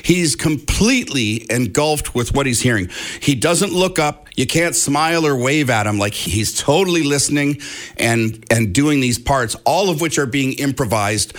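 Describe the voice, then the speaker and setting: A man's voice: medium pitch, moderate pace. Canadian musician guy telling a story, casual, acts out both sides of the convo. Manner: animated anecdote-telling, acting out dialogue. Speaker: musician interviewee.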